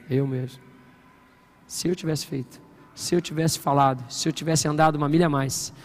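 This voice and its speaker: A male pastor preaching an animated Sunday sermon, often asking the congregation questions. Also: fairly high pitch. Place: church service.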